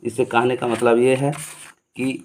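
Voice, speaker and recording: Male teacher, warm and mellow tone, patient classroom explanation, answers his own questions. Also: mid-range voice, little pitch movement, a little slow, slight background noise. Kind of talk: explaining Hindi grammar to students.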